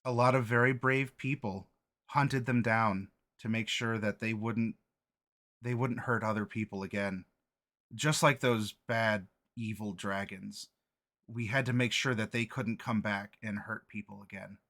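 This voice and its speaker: A man's voice: lowish voice, steady tone, unhurried, fairly bright tone. A man voicing a prim, matronly orphanage headmistress in a tabletop game, lecturing in an instructive tone. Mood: grave.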